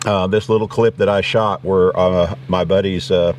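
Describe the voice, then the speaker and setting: In a relaxed, off-the-cuff gear review vlog, an American host rambles in folksy fashion. His low, steady, slightly mellow voice moves at a moderate pace and is recorded at a distance, with clear background noise.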